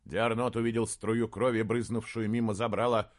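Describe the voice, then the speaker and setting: A man narrating a fantasy audiobook in a steady, even reading voice. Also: fairly low pitch, moderate pace. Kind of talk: scripted narration.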